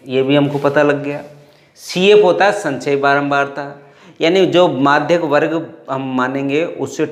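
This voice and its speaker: A man's voice: medium pitch, echoey room. A man with a Rajasthani Hindi accent teaching a maths lesson, patiently explaining each step and repeating sums aloud. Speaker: math teacher. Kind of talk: classroom math lesson.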